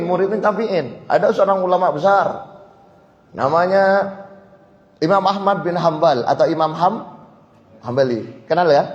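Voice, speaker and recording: A man preaching, telling stories lively and often addressing the listeners directly, in a mosque hall. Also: high-pitched. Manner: lively storyteller who keeps addressing the audience. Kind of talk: sermon storytelling. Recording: echoey dull mosque hall recording.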